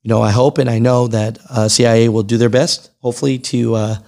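This thirties-aged man hosts a trucking news channel, talking fast in a level, mid-range voice with vocal fry and a darkish tone. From a small furnished room indoors at home, he reads and comments into a close boom-arm mic, conversational and emphatic, frequently adding "right" and "you know."

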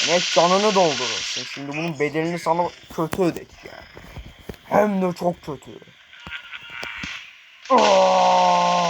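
A man's voice: fairly high pitch, background noise. A young man commenting on his own gameplay, brashly taunting enemies and talking to viewers.

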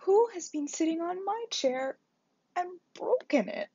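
A woman voicing a small, upset boy bear cub in a high, tearful voice for a storytime. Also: animated, slow pace, dark tone, full character voice. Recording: dull lo-fi recording.

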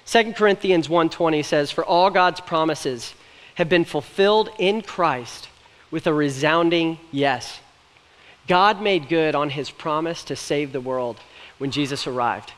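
A man's voice: a little high, a little slow, fairly bright tone. A young man giving a sermon as pastor, earnest and conversational, with light jokes, on stage in a church. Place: church stage with a large hall. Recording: long hall reverb from a church room.

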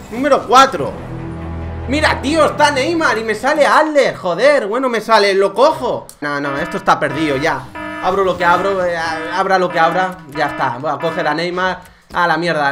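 A young man with an accent from Spain, giving casual gaming commentary, swearing and exasperated. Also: high voice. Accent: Spanish from Spain. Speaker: gaming youtuber.

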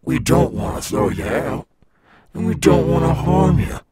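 A man playing a cool, swaggering animatronic alligator rockstar in an ASMR roleplay, gravelly and coaxing, as if talking to a child. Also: mid-range voice, animated, a crowd in the background. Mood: coaxing, searching. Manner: slow, coaxing, addressing a child listener. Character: cool, swaggering male animatronic alligator rockstar guarding his golf course.

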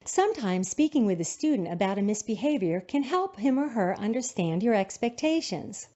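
In a mellow, medium-pitched voice at normal speed, a woman calmly delivers scripted instruction for a teacher-training video. Her intonation varies a great deal, and the audio is dull and lo-fi.

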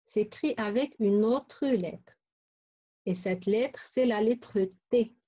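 A woman teacher leads a slow, deliberate phonics lesson, carefully saying and repeating words and syllables for young pupils. Her voice is on the high side and slightly rough, and the recording's highs are cut off.

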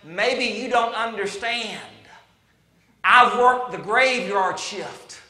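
A bright, high, strained voice of a weary fisherman apostle, as a preacher puts him on, pleading loudly and going sharp with exasperation. The stays through the act. The sound rings out in a roomy church sanctuary. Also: expressive, moderate pace, exaggerated voice.

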